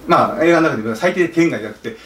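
Lively, fast-talking male director in a hall. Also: on the high side. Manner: animated storytelling, slipping into playful Kansai-dialect impressions. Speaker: film director. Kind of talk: talk event speech to an audience. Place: theater or event hall. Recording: roomy hall, distant mic, faint noise.

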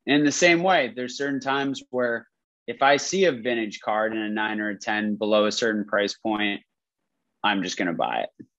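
A man's voice: lowish voice, normal speed, a bit bright, no echo. A man with a nasal voice co-hosting a casual podcast over a video call, friendly and self-deprecating. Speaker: podcast co-host. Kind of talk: casual chat. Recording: dull dry lo-fi call audio.

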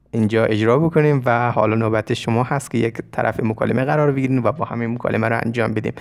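A man whose first language is Persian, teaching an English lesson, saying English lines slowly and explaining them. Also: medium pitch, gravelly.

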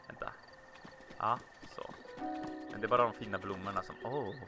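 A man casually commenting on his own gameplay, chatty and excitable, talking to himself as he plays. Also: lowish voice. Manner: chatty, excitable, talks to himself while playing. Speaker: let's play host. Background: video game music.

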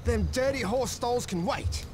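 A man's voice: very high-pitched, a little slow, background noise. An actor playing a humble, timid little stable hand in a fantasy game, deferential and rustic in his wording. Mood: grateful, deferential. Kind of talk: scripted fantasy game acting.

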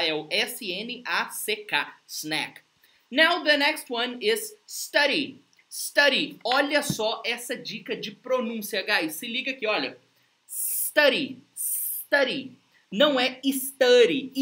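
A woman with a Brazilian Portuguese accent teaching English on a live stream, upbeat and coaxing, slowly repeating phrases for drills. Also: mid-range voice, bright, forceful tone. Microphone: livestream setup.

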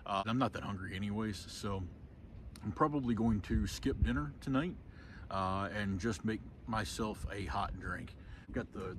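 A lower-voiced man in his thirties chats easily to his camera at a windy lakeside campsite, loose and rambling, full of little "uh"s and restarts. Faint outdoor hiss and breeze sit under his voice, picked up by a camera mic. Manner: relaxed, rambling, many "uh"s and restarts. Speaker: outdoor vlogger. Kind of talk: casual gear talk to camera.

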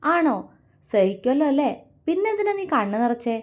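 A young husband full of tenderness, gently mocking his wife and then softening into warm reassurance. A woman narrator puts him on in a storybook romance reading, with only a light change from her own voice. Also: high-pitched, sing-song, normal speed, pitched above the performer's own voice. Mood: teasing. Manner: playful, affectionate teasing.

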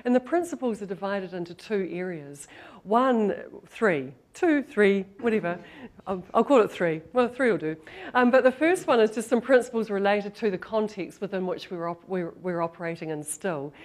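A woman's voice: mid-range voice, expressive, moderate pace. Middle-aged woman with a broad New Zealand accent. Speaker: marketing professor and author giving a talk. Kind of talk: live presentation to an audience. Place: indoor lecture room, standing.

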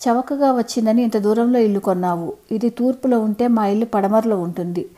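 A woman's voice: fairly high pitch, fairly quick, dark tone, lightly acted. A woman voicing a fond, easygoing husband in his late fifties in a storybook reading.

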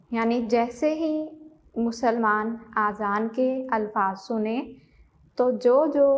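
A woman teacher talks in a slightly high voice, very slowly and deliberately. She repeats each key word for her students to write down. She stops now and then to correct herself. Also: lo-fi sound. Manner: slow, deliberate, repeats words for dictation; corrects herself mid-sentence. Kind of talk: classroom lesson.

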